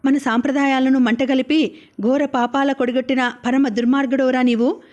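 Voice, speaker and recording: A woman's voice: sits high, flat delivery, moderate pace, a little mellow, muffled recording, natural voice. A woman reading the lines of a stern, grieving aristocratic mother who scolds and wails at her son. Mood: raging. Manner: scolding, wailing.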